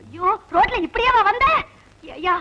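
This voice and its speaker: Wife role, female, very high shrill scolding voice, dull old soundtrack. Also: lively intonation, measured pace, noisy background. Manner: scolding, exasperated. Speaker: film actress playing a scolding working wife. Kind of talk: film comedy dialogue.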